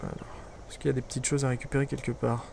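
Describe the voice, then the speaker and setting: A man with a gravelly, creaky voice talks his way through a video game in a loose, wry running commentary. He mutters little asides to himself as he plays, over a noticeably noisy background. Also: medium pitch, little pitch movement, rapid-fire, darkish tone. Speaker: let's play gamer. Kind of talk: casual gameplay commentary.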